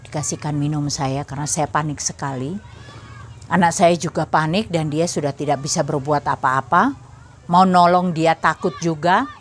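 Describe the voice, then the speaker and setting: A woman's voice: sits low, normal speed, a little hiss or hum. A middle-aged woman giving a personal faith testimony, telling her story earnestly and speaking straight to the listeners. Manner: earnest storytelling, addressing listeners as brothers and sisters.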